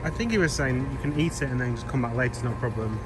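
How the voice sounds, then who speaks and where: A man's voice: mid-range voice, fast talker, background noise. A man vlogging outdoors at a theme park, thinking aloud in a casual, understated, observational way. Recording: loud music behind the voice. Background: loud music.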